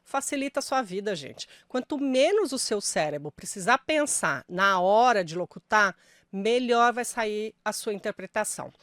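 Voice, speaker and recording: A middle-aged woman with a Brazilian Portuguese accent speaks straight to the viewer, a journalist sharing voice-over tips in an emphatic, friendly way. Her voice sits at an ordinary mid pitch. The recording is dry and close, with no room around it. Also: animated, moderate pace, fairly bright tone, dry recording. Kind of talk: direct-to-camera voice tips.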